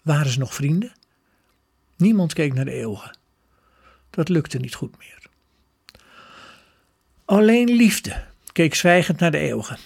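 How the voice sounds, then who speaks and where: Man, religious story reading, measured, gravelly, slightly high voice. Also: big pitch swings.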